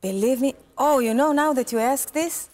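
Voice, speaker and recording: Bright-voiced woman in her forties, earnest. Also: high voice. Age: 40s. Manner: earnest, laughs often, halting English. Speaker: guest. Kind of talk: casual interview chat.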